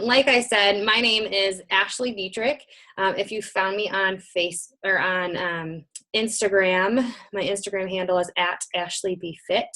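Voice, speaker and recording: Her voice sits in the middle range with a fairly bright tone. She's a young webinar host from Michigan, casually chatting into a computer mic in a room at home, dropping lots of ums and sounding a bit breathless.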